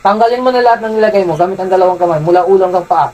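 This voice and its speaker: A faith healer from Zamboanga City, a man who interrogates a spirit with insistent, repeated questions and sharp commands. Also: high voice, racing, poor audio. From Zamboanga City, Philippines. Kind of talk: healing session, interrogating a spirit.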